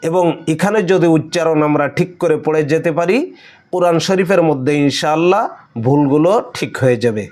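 A Bangladeshi man with a Bengali accent leads a slow Quran reading lesson, spelling out every letter and vowel mark before blending the syllables together. His voice is a little high and somewhat dark, and he speaks fairly quickly.

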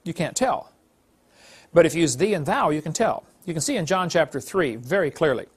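A man with a fairly high voice explains his point step by step. He teaches plainly and checks with his listeners as he goes. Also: lively intonation, brisk, slightly rough. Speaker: Bible teacher.

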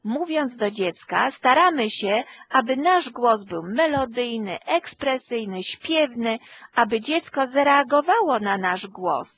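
Slow-spoken woman therapist explaining. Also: fairly high pitch, animated, slightly rough, no room sound, highs cut off. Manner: slow, measured explanation with fillers. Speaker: hearing and speech therapist. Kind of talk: expert talk to camera.

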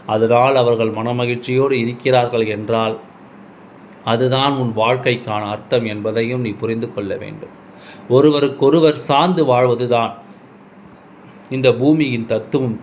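A man's voice: mid-range voice, slight background noise. A man giving a devotional message in the voice of the goddess, speaking solemnly and addressing the listener directly as her child.

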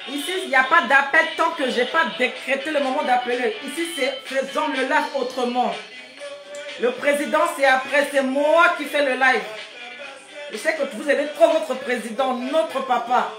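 A high-pitched woman runs a casual live stream, greeting viewers and scolding them in a bossy, teasing way. Her voice rings in an echoey room while loud music plays under her talk. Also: normal speed.

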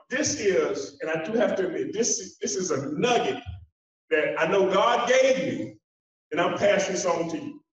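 High-voiced man giving an echoey keynote. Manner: emphatic, repetitive rhythmic phrasing with dramatic pauses; walks the stage while speaking. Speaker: keynote speaker. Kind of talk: motivational keynote speech. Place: large conference hall stage. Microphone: handheld mic heard through a distant camera. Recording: echoey hall from far off, dull sound.

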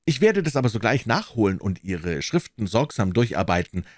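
A man's voice: on the low side, very animated, normal speed, no room sound, clean studio sound, voice pushed down. A man doing a polite young male visitor. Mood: deferential.

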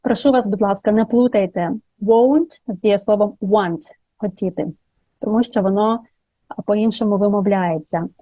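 A woman teaching English grammar to Ukrainian speakers, slowly modelling each English example. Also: mid-range voice, mellow, no echo, rough recording.

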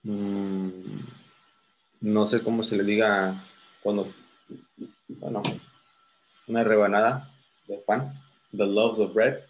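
A man with a slightly low voice tutors a single student through exam grammar. He is patient and repeats words slowly to fix pronunciation. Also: steady tone, dull audio, slight background noise. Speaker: English tutor. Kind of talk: one-on-one TOEFL grammar lesson.

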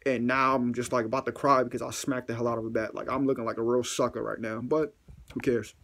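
A young man telling a funny story on camera in a casual, slangy, profane way, acting out his own reactions and jumping into high squeals. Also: fast talker. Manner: animated, acts out his own reactions with sudden loud squeals; slangy, profane, self-mocking.

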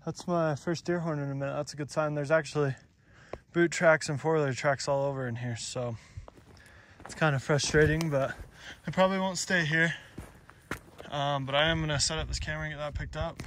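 A man's voice: a little high, brisk, slight background noise. Young guy vlogging outdoors on his phone. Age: young adult. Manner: relaxed, rambling, lots of fillers. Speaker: shed hunting vlogger. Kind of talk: casual outdoor vlog. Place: outdoors in open scrubland. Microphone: phone camera held close.

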